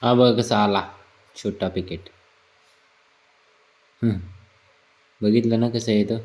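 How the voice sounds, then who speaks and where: Male resort vlogger, low mellow voice, chatty and teasing commentary. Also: steady tone, slow. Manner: chatty, teasing, playful narration. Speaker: vlogger working at a water park resort. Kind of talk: casual vlog commentary.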